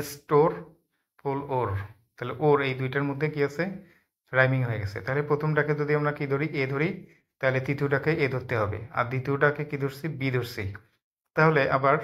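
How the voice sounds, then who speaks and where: A man's voice: mid-range voice, fairly bright tone. Man teaching step by step. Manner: asks questions and answers them himself, repeats items step by step. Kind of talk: online lecture.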